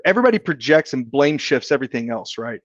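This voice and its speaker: A man speaking as a guest in a casual podcast chat, earnest and reflective, choosing his words deliberately. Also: medium pitch, big pitch swings, highs cut off. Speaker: podcast guest, insurance agent.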